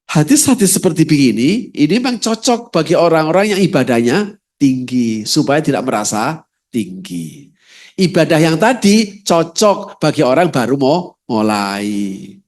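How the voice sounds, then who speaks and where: A man giving a conversational Quran study lecture in a mosque, telling stories lively and speaking straight to the audience. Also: mid-range voice. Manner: lively storytelling, talks directly to the audience. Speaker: preacher.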